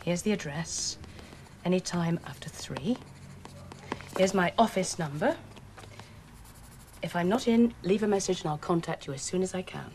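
An actress playing a middle-aged, composed social worker who speaks in a measured, official way in a television drama. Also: female voice, on the low side, lively intonation, darkish tone, slight background noise. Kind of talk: naturalistic television drama acting. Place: office indoors.

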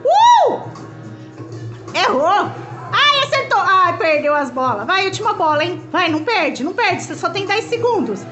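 A Brazilian woman vlogging at home, cheering a child on through a video game and shouting encouragement, her throat sore from yelling. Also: extremely high pitch, animated, normal speed, few pauses, music in the background. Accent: Brazilian Portuguese. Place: home living room.

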